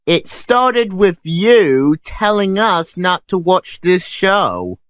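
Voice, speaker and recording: A man's voice: high voice, sing-song, clean tone, no room sound. A man hosting a sarcastic commentary over clips, mocking what he sees. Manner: snarky, mocking, unhurried. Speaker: host.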